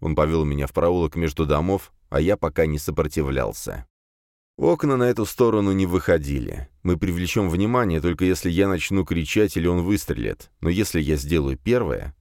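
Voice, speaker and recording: A man narrating an audiobook in an expressive storytelling manner. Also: low-pitched, no echo, studio quality.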